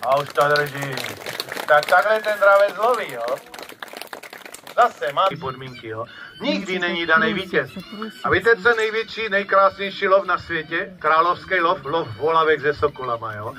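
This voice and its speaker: A man presenting a live outdoor falconry show, talking to the crowd with lots of tag questions. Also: a little high. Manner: lively, addresses crowd, frequent tag questions. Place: outdoor field at a bird show.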